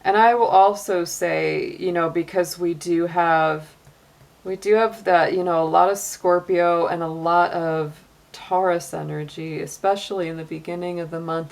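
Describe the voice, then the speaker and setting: A woman's voice: lowish voice, vocal fry, a little mellow. A middle-aged woman giving a casual tarot reading, chatty, with frequent laughs and many "you know" and "like" fillers. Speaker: tarot reader.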